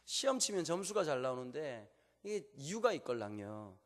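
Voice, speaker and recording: A man with a Gyeongsang accent preaching a sermon, telling humorous stories in a lively way. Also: medium pitch, normal speed, in a large hall. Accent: Gyeongsang Korean. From Gyeongsang, Korea. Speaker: pastor. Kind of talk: sermon with storytelling.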